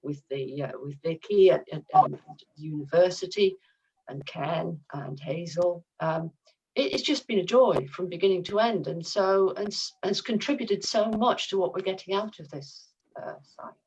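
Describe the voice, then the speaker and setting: A woman's voice: lowish voice, normal speed, a little mellow, slightly rough, distant mic, lo-fi sound. A woman on a panel speaking reflectively about a joint project, hesitating with fillers over a video call. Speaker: museum panelist.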